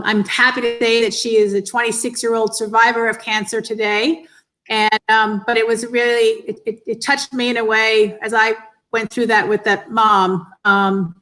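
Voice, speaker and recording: On a rough-sounding online call from indoors, a woman in her fifties from the northeastern United States speaks with a fairly high, sharp tone. As director of a children's cancer charity, she's an interview guest offering earnest, appreciative answers.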